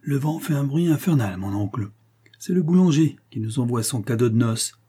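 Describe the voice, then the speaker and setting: Man voicing a young bandit, scheming, mocking, carefree, husky, dark, audiobook character. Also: medium pitch, lively intonation, moderate pace, pitched above the performer's own voice.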